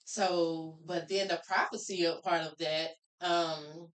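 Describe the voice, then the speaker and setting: A woman's voice: on the low side, steady tone, slow pace, a bit bright. A woman guest on a podcast, telling personal stories in a candid, rambling way. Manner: candid, rambling storyteller who acts out quoted voices. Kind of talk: casual storytelling conversation. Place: podcast room. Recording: roomy echo.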